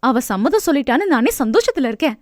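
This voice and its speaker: A cheerful, affectionate wife who coaxes and gently scolds in a raised, bright voice, as a woman reads her. The audiobook sound is close and dry. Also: high-pitched, big pitch swings, fast, no room sound. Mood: coaxing.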